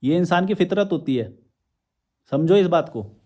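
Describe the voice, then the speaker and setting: A man rants straight at his audience, answering their comments with sarcasm and blunt scolding. His voice sits a bit high for a man but has a mellow, warm tone. He talks like someone picking apart every argument thrown at him. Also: lively intonation, normal speed. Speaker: YouTube channel host. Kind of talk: ranting reply to viewer comments.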